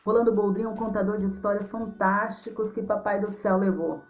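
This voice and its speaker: A woman's voice: mid-range voice, little pitch movement, brisk, faint music behind. Brazilian woman storyteller in dull lo-fi sound. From Mato Grosso do Sul, Brazil. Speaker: guest storyteller and writer. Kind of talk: interview answers for a young audience.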